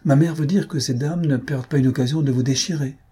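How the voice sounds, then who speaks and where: A man's voice: mid-range voice, fast talker, mellow, husky, voice pushed up. A man playing a blunt young son in an audiobook, stating things plainly. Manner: blunt, clarifying.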